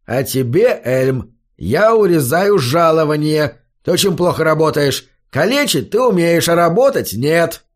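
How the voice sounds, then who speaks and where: A man's voice: a little high, sing-song, unhurried. A man voicing a short, balding, hot-tempered male innkeeper who barks and scolds. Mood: angry. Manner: barking, scolding.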